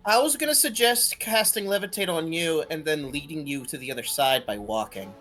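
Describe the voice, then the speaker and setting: Tabletop player, very animated pitch, bright voice, casual excitable talk, faint music underneath. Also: a little fast.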